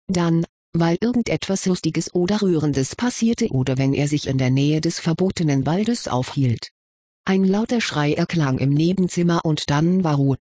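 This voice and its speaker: A narrator reading a story aloud in an even, measured way. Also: mid-range voice, no echo, studio quality.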